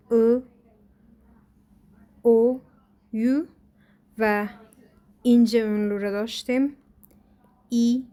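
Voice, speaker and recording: Female language teacher, Afghan Dari accent, slightly high voice, patient step-by-step textbook explanations. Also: a little mellow. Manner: reads examples aloud, then explains slowly step by step. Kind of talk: recorded textbook lesson.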